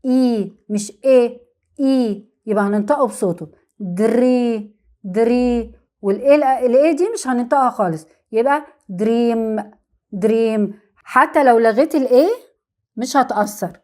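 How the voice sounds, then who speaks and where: This English lesson on vowel rules is led by a woman whose voice is a little high and a little mellow, with an Egyptian Arabic accent. She slowly repeats sample words and both asks and answers her own questions.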